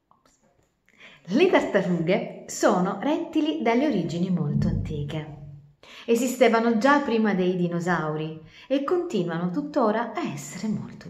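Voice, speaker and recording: A woman teacher reading a children's storybook aloud, chatting with the kids between passages. Her voice sits on the low side yet swings widely and expressively. The room adds a clear echo. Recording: roomy echo.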